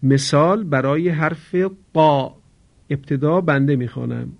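A man teaching Quran recitation rules, explaining briskly, then chanting example words slowly for students to repeat. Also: fairly high pitch, vocal fry. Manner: slow drawn-out recitation of example words between quick explanations. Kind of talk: tajwid lesson with call-and-repeat recitation. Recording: dull lo-fi recording.

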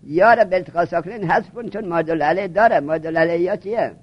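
A man's voice: high voice, highs cut off. A man teaching a grammar class, questioning his students and repeating points until they get them.

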